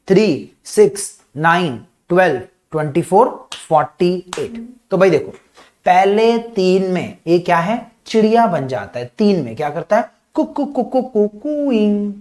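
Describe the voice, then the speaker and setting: A man with an Indian English accent giving a revision lecture, drilling points with repeated questions and clearing his throat often. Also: a little high. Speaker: medical lecturer.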